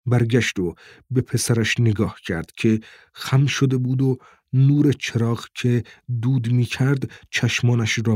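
Husky-voiced male audiobook narrator. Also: mid-range voice, no room sound, studio quality. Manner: steady, measured, descriptive reading. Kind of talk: scripted narration.

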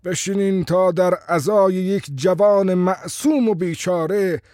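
A man voicing a thin older male cleric who preaches slowly in a hoarse, nasal voice. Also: sits high, mellow, dry recording, studio quality, pitched above the performer's own voice, natural voice. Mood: mournful. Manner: slow, drawn-out preaching.

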